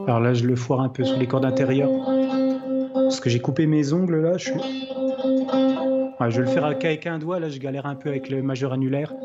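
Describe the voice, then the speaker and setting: A man hosting a podcast, casually explaining his guitar technique between played examples, thinking aloud with many hesitations. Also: a little high. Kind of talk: casual explanatory chat with playing demos. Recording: slightly dull lo-fi sound. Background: faint guitar playing.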